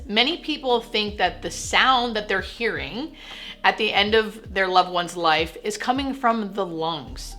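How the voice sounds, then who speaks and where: Bright-voiced woman explaining reassuringly. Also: medium pitch. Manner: plain-spoken, reassuring explainer. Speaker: hospice nurse and educational video host. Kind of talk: explanatory talk to camera.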